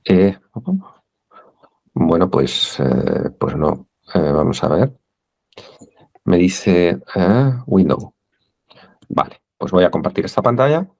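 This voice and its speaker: A man's voice: sits low, lively intonation, slow, vocal fry, pauses often, a little mellow. A man with a Spain Spanish accent, interviewed as an expert guest, who speaks hesitantly with many fillers. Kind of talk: interview conversation.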